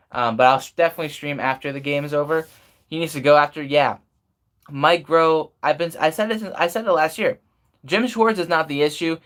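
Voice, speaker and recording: Higher-voiced man venting on a sports stream. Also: a bit bright. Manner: frustrated, opinionated venting with emphatic repetition. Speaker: sports fan live streamer. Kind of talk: off-the-cuff live stream sports commentary.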